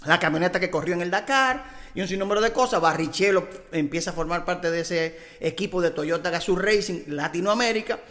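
A man, hosting and telling an animated anecdote, acting out the quoted dialogue. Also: sits high, a little fast, in a large hall. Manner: excited storyteller, acts out quoted dialogue.

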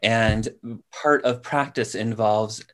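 A man's voice: on the low side, steady tone, takes it slowly, a bit bright. A man appearing as a guest on a podcast, talking in an easygoing, conversational way and laughing easily. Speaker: guest author. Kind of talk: casual chat.

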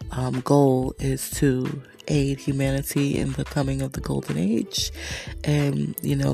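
A woman's voice: a bass voice, dark tone. A woman talking in a casual, rambling vlog monologue about her spiritual journey, reflective and full of fillers. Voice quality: creaky, gravelly.

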